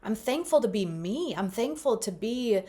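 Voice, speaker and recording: A woman's voice: on the high side, very animated, normal speed, warm tone. A woman hosting a podcast, giving an earnest, encouraging faith-based monologue full of repetitions and casual fillers. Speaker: podcast host.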